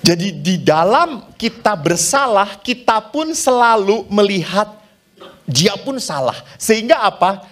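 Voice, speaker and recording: Animated, lively-voiced male priest preaching. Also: high voice, a little slow. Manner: humorous, acts out dialogues. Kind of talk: sermon.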